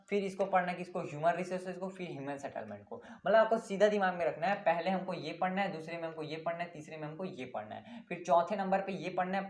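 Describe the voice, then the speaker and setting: A man's voice: high-pitched, a bit bright. A young man, a tutor laying out an exam study plan in a casual lesson. He talks bluntly and teasingly, asking rhetorical questions and repeating the answers.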